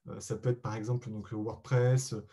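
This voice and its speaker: Man, webinar presenter, warm mellow tone, patient hesitant explaining, speaks directly to listeners. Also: lowish voice, little pitch movement, brisk. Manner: addresses listeners directly and politely.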